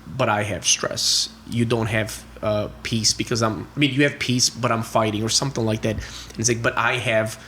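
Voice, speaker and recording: A man's voice: fairly low pitch, fairly even intonation, moderate pace, few pauses, sharp tone, slight background noise. A middle-aged man, a guest on a podcast, telling family stories in a chatty way, full of fillers and acted-out quotes. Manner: chatty, heavy on "you know" and "like" fillers; acts out family dialogue in quotes. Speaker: podcast guest, real estate investor. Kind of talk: casual storytelling interview.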